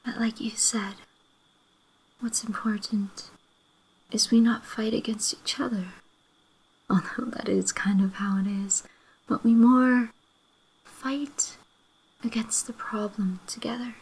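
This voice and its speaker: A woman playing a loving, apologetic girlfriend in a breathy whispered role-play, gently making up after a fight. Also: fairly high pitch, steady tone, takes it slowly, pauses often, full character voice, low-quality recording. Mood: soft, reassuring. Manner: gentle, reconciliatory, making up tenderly.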